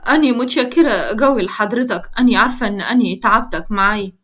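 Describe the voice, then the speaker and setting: A woman's voice: mid-range voice, quick pace, fairly bright tone, lightly acted. A woman voicing a frightened, timid young village woman with an Upper Egyptian accent, pleading and apologetic. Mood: shy.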